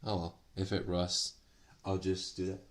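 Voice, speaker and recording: His low-pitched, level voice moves at a slow pace as he streams live while tinkering with a hobby project. Alternating between Japanese and English, the man chats casually, courteously welcomes viewers by name, leans on lots of fillers, and laughs frequently.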